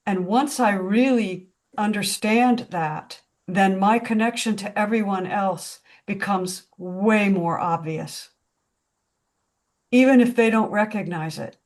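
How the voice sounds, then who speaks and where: Slow, reflective woman facilitator. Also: medium pitch, darkish tone. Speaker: discussion group facilitator. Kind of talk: spiritual group discussion.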